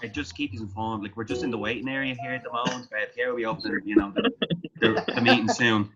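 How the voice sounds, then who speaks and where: A man with an Irish accent hosting a relaxed online gathering, teasing the guests and laughing often. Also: mid-range voice, fast, vocal fry. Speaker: host. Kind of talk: casual joking chat. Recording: slightly dull audio with faint music behind.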